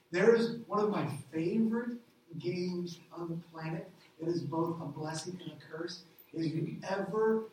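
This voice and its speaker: A middle-aged man preaching a sermon as a pastor, animated, asking rhetorical questions and acting out little voices. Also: high voice, a little hiss or hum. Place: church hall. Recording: echoey hall, distant mic.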